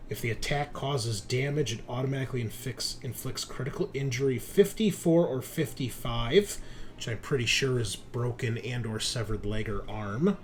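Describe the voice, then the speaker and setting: A man of medium pitch runs a tabletop roleplaying game as game master, chatting casually and enthusiastically and swearing occasionally. Music plays behind his voice, and there is a slight hiss or hum.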